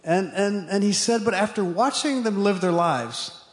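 A man's voice: high-pitched, measured pace. Earnest missionary man in an echoey hall. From Zimbabwe. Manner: earnest, with many hesitations. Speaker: guest missionary. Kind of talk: testimony talk. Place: church sanctuary. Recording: echoey room with long reverb.

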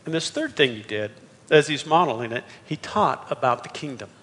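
A man's voice: mid-range voice, very animated, normal speed, fairly bright tone. A man preaching a conversational sermon to his congregation, often restarting his phrases. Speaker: pastor. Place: church sanctuary. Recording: reverberant church hall.

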